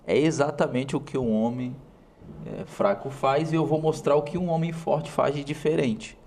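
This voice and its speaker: A man's voice: medium pitch, moderate pace, creaky, darkish tone. A man with a Brazilian Portuguese accent delivers a motivational talk. He addresses the viewer directly and stresses his points with short, punchy phrases that he often repeats. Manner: emphatic, speaks directly to the viewer. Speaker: host.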